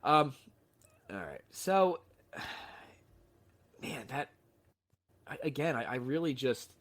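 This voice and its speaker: A man's voice: mid-range voice, animated, drawn-out words, a bit bright. A man telling a story as a podcast guest, with lots of restarts, casual swearing and self-deprecating humor. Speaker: podcast guest, sales trainer.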